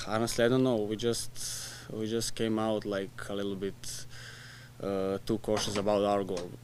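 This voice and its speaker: Halting young man at a press conference. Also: fairly low pitch, level tone, slight background noise. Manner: plain, halting answers with restarts and soft laughs. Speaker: soccer player. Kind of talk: post-match press conference. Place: press room in front of a sponsor backdrop. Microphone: desk mic in front of him.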